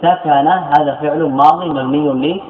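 A man's voice: fairly high pitch, unhurried. A male scholar giving a classroom lecture, explaining a verse text and repeating each example word several times. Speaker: Islamic scholar teaching grammar. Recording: echoey hall on a tinny lo-fi line with faint noise.

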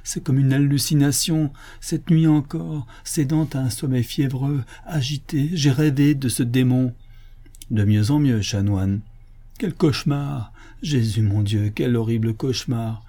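Brief: anguished glutton of a canon, storybook reading, a man playing him, mellow and a bit husky. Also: medium pitch, a little slow. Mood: lamenting. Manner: anguished, theatrical lamenting. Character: gluttonous older male canon, lovesick for lost food. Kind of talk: audiobook reading of a classic novel.

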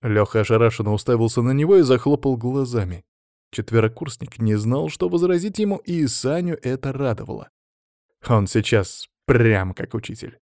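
A man reads an adventure audiobook in a steady, measured way at a middle pitch. The sound is close and dry, with no room around it. His telling is even and controlled. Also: no echo. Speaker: audiobook narrator. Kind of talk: scripted narration.

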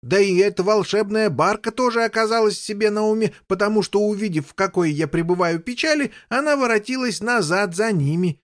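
A man's voice: sits high, brisk, few pauses, no room sound, clean studio sound, pitched above the performer's own voice, close to an everyday voice. A man voicing a bumbling, overexcited king who chatters on and never lets others speak. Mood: gushing. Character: bumbling, overexcited middle-aged male king. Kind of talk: audiobook character voice.

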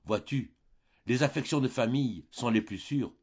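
A gentle young sister, voiced by a male reader, coaxes and soothes in a husky, lifted tone. It sounds like a dull home-recorded audiobook. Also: medium pitch, normal speed, pitched above the performer's own voice, close to an everyday voice. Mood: soothing. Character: young baroness, tender and coaxing sister.

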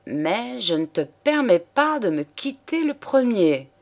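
A woman's voice: fairly high pitch, sing-song, a little slow, pitched above the performer's own voice. Juliette, a wilful young mistress, voiced by a woman. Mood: scornful. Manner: coaxing, then sharp and threatening.

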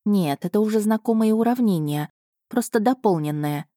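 A woman narrating an audiobook in the first person, with a measured, even storytelling delivery. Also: medium pitch, no room sound, clean studio sound.

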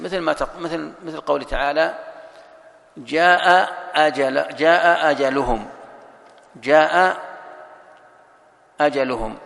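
A man's voice: fairly high pitch, creaky, fairly bright tone, long reverb tail. A man teaching a lesson as a sheikh, explaining each point step by step, repeating words and reciting examples. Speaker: sheikh teaching Quran sciences. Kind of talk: classroom lesson explaining a text.

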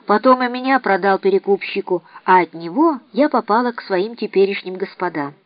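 A woman voicing a weary, bitter old woman who talks low, grim and blunt, in an audiobook reading. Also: lively intonation, brisk, no echo, close to an everyday voice. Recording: dry, slightly dull recording.

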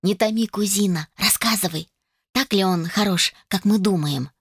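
A woman's voice: medium pitch, moderate pace, husky, no echo, clean studio sound. A woman voicing a blunt, bossy young woman cousin with a drawling way of talking.

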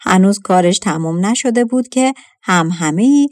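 A woman narrating a folktale audiobook in a measured, expressive reading. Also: mid-range voice, dry recording, clean studio sound. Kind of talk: scripted storybook narration.

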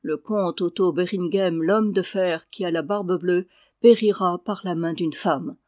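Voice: mid-range voice, unhurried, darkish tone, no echo, clean studio sound, natural voice. A reader voicing a mischievous male dwarf who tells a tale to peasants, solemn and teasing with a mock-mysterious air. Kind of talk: audiobook character voice.

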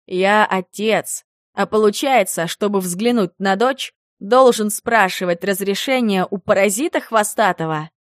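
Audiobook role: jealous grumbling werewolf husband, gruff and exasperated, read by a woman. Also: high voice, measured pace, fairly bright tone, dry recording, clean studio sound. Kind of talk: audiobook character reading.

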